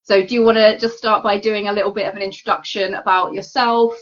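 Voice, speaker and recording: A woman hosts a live online chat over a video call, talking in a friendly, chatty way with many fillers. Her mid-range voice is fast and flat, and the call audio is dull and lo-fi.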